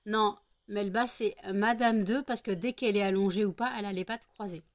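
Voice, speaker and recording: A woman's voice: mid-range voice, fairly even intonation, moderate pace. Tired, chatty French woman. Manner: chatty, talks baby-talk to her dogs. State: tired, sleepy. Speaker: vlogger. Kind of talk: casual home vlog.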